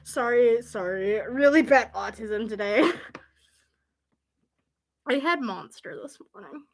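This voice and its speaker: A woman vlogging in casual chat to camera, rambling with lots of fillers and restarts, giggly and excitable. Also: a little high, slow pace.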